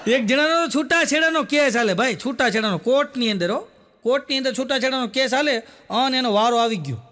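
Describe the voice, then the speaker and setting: Male stand-up joke teller, very high register, storytelling style that laughs at its own jokes. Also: animated, brisk, pushed and bright. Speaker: comedian.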